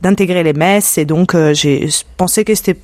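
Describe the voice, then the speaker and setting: A woman's voice: fairly low pitch, moderate pace, darkish tone, dry recording. A young woman from Sicily, a guest in a radio studio, telling her story hesitantly with many fillers. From Sicily, Italy. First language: Italian. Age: young adult. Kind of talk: personal testimony in an interview.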